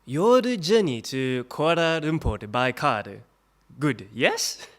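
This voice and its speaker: Voicing a leering Japanese army colonel for an audio drama, this actor uses halting, insinuating, Japanese-accented English. His fairly high, sing-song male voice comes across as smug and ingratiating.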